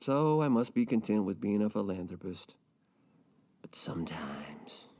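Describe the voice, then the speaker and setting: A man playing a mopey, mellow millionaire. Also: fairly low pitch, a little fast. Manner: mopey, rambling and deadpan. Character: gloomy rich man, self-pitying and rambling. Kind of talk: comedic audio drama.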